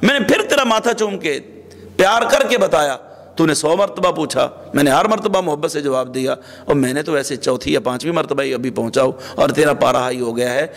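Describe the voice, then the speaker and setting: A man's voice: fairly high pitch, close to an everyday voice. Preacher doing an old dad near tears, pleading with his son, echoey hall. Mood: tearful. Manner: tearful, pleading. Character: old father gently reproaching his grown son. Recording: long hall reverb.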